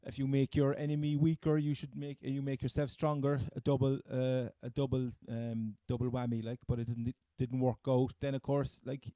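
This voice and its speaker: A man with a Cork accent in casual sports discussion as a co-host, speaking haltingly with hesitant phrasing. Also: mid-range voice, little pitch movement, warm tone, no echo. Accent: Cork, Irish.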